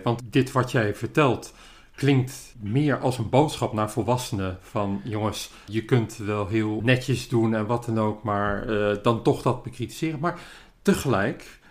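Male interviewer, thoughtful, quick bursts. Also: medium pitch. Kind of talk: interview conversation.

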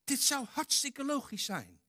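A man delivers a lively church sermon, dramatically acting out quotes and swinging between loud and hushed. His very high voice is bright, forward, and unhurried, recorded close and dry with no room echo.

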